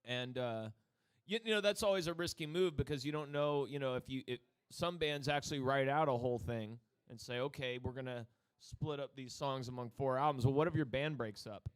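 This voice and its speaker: A man's voice: mid-range voice, fairly quick, clear, resonant tone. Rambling, joking man with a New Jersey accent. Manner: rambling, joking, with exaggerated quoted voices. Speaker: podcast co-host. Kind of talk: casual chat about metal albums.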